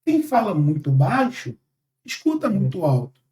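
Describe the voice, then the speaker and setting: A man in his forties from Brazil, a sales trainer talking in a podcast conversation, animated and emphatic, lecturing. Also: high-pitched, measured pace, reverberant. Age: 40s.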